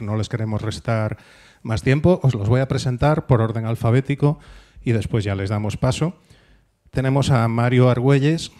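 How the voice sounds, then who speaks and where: Guy moderating a round table, dark mellow tone, calm and measured, little pauses here and there. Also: lowish voice. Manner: measured, introduces guests with soft hesitations. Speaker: moderator of a panel discussion.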